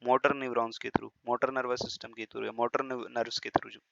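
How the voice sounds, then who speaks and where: Man, biology lesson, chatty lecturing, teasing asides, bright tense voice, slightly lo-fi sound. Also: medium pitch, little pitch movement, gravelly, no echo. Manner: chatty, teasing asides, frequent "ठीक है?" checks; slows down and over-stresses words when demonstrating pronunciation. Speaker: biology teacher. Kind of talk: classroom-style lecture in Hindi-English mix. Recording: slightly dull, lo-fi, dry recording.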